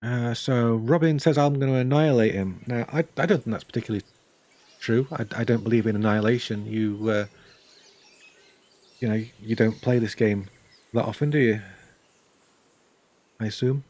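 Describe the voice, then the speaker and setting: A man's voice: medium pitch, normal speed, long pauses, darkish tone. An older man chatting casually on a game stream, rambling with dry, self-mocking humor. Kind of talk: casual live-stream chat.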